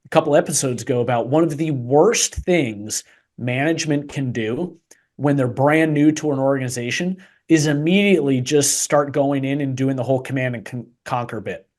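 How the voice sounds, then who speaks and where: A man's voice: medium pitch, moderate pace, darkish tone. A man co-hosting a business podcast, talking in a dry, sarcastic way with some hesitant restarts. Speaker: podcast co-host. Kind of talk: casual podcast chat.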